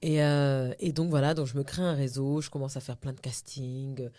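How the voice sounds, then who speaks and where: A woman's voice: very deep voice, moderate pace, no echo, clean studio sound. A woman from Cameroon, an actress and TV host, telling her story in a casual interview and slipping English phrases into her talk. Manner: animated storytelling, often slips into English phrases.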